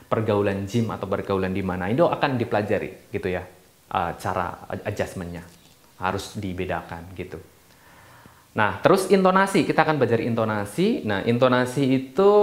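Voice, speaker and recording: A man who is a yoga teacher, explaining a teacher training course in a chatty, casual way with many fillers and restarts. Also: fairly low pitch. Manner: chatty, frequent fillers and restarts, self-deprecating asides. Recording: echoey room.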